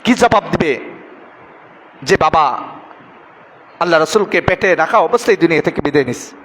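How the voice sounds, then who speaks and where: A man's voice: on the high side, lively intonation, normal speed, a bit bright, big-room sound. A man giving a Friday sermon, telling a story dramatically and acting out the characters' words. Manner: dramatic storytelling, acts out quoted speech. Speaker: preacher.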